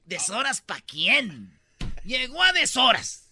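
A man's voice: very high voice, sing-song, slow, sharp tone, breathy edge, no echo, studio quality. A man with a Mexican Spanish accent hosting a comedy radio show, rambling through slangy, joking stories. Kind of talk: comic radio banter.

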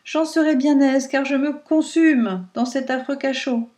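Storybook wind spirit, male, feeble and breathless, pitched high and strained, a woman putting him on. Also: measured pace, a little mellow, roomy sound. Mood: eager. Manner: pleading, breathless.

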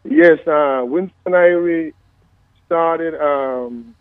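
A Guyanese-born man in his fifties tells his story down a narrow, tinny phone line. He talks slowly and gives thanks often, with a devout, easy manner. The sound is dry and close, with no room around it. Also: fairly high pitch, clean tone, no room sound. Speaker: reggae singer, phone-in guest. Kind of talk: relaxed storytelling interview.

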